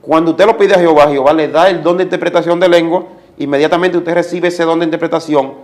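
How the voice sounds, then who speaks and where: A man's voice: a little high, fairly even intonation, fast talker. A man giving a religious testimony as a guest, speaking like a preacher and repeating commands for emphasis.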